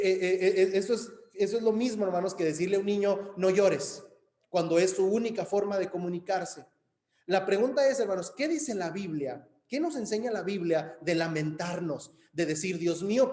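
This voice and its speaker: A man's voice: high-pitched, moderate pace, dark tone, reverberant. A man preaching a sermon in a conversational way, often asking "right?" and addressing the congregation as brothers. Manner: conversational, frequent "¿verdad?" and "hermanos", many hesitations.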